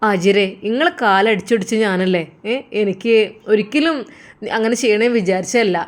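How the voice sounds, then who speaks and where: A composed young man, voiced by a woman narrator, speaks. He is forgiving and self-assured, reassuring the listener in an even, steady tone. This is a spoken storybook scene. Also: mid-range voice, moderate pace, close to an everyday voice. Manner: calm, reassuring.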